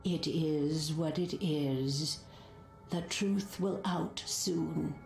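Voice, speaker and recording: A woman's voice: deep voice, drawn-out words, vocal fry, darkish tone, exaggerated voice. An actress voicing an enigmatic female fortune teller in a video game, with a mystical, whispery delivery. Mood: cryptic, prophetic. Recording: echoey, music underneath.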